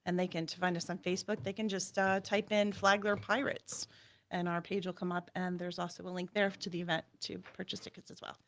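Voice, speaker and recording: A woman guest on a radio interview, calmly explaining event details and the cause behind it. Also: on the low side, fairly quick. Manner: steady, explanatory, gives details.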